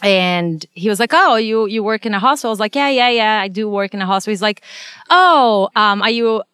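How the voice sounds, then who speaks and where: A woman from Brazil hosting a podcast, telling her own stories in lively casual conversation. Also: medium pitch, brisk, clear, resonant tone, no room sound, clean studio sound. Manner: animated, laughing storytelling. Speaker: podcast host, veterinarian.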